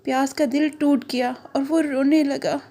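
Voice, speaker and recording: A woman narrating a children's cartoon story in a lively, storybook manner. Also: high voice, unhurried.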